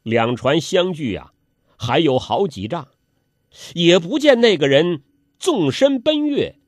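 A male storyteller with a fairly high voice, speaking slowly and deliberately. His pitch rises and falls in big dramatic swings between loud exclamations and hushed asides, and the recording is dry and close. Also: very animated, no room sound. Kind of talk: traditional Chinese storytelling.

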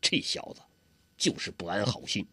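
A man's voice: medium pitch, sing-song, measured pace, fairly bright tone, slightly rough, no echo, full character voice. A man voicing an old male beggar martial arts master with coarse, scolding, chuckling speech. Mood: gruff, scheming.

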